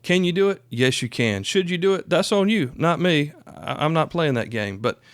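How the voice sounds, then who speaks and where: Folksy and emphatic, a podcast host in his fifties from South Carolina talks informally on his own in a Southern US accent. His fairly high voice is expressive and smooth, moving at normal speed, and the audio has no echo.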